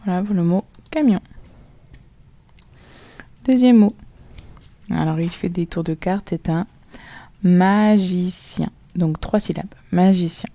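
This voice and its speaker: A woman with a French accent teaching a recorded phonics lesson to children, spelling sounds out slowly and clearly letter by letter. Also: on the low side, dark tone, dry recording.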